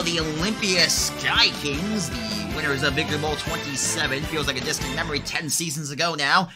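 A man hosting a livestreamed game broadcast, joking with co-hosts and talking to chat. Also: high voice. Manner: joking, hype, talks to chat. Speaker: stream host and commentator. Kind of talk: casual livestream commentary.

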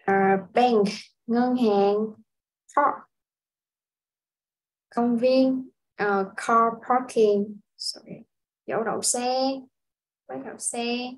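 A woman from Vietnam teaching a casual language lesson, explaining step by step in an unhurried way with frequent filler sounds. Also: on the high side, fairly even intonation, low-quality recording. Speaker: English teacher.

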